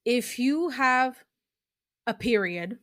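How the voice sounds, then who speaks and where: This young Portuguese podcast host sounds a little high and a bit bright, animated yet unhurried, as she earnestly recommends books in a casual chat. She uses fillers and restarts, and the clean studio sound has no room noise.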